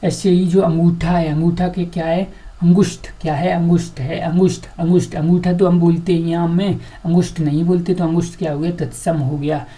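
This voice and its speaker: A woman's voice: fairly low pitch, little pitch movement, a little fast, dark tone. A woman teaching an exam-prep grammar lesson, asking the class questions and answering them herself, repeating each word several times.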